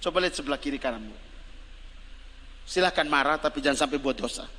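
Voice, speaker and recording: A male evangelist with a Kupang Malay accent giving a lively, joking sermon and calling on his congregation to respond. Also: mid-range voice, fast. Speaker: evangelist preacher. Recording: reverberant hall, faint background noise.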